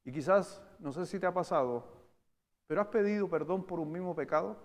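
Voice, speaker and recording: Chilean pastor preaching in a reverberant church. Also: male voice, high-pitched. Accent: Chilean Spanish. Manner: animated preaching, swinging from loud emphatic bursts to slow quiet stresses. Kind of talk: sermon. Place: church hall. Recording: long church-hall reverb.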